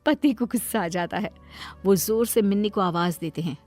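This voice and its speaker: A woman narrating a cartoon story in a plain, even storytelling manner. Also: medium pitch, normal speed, faint music behind.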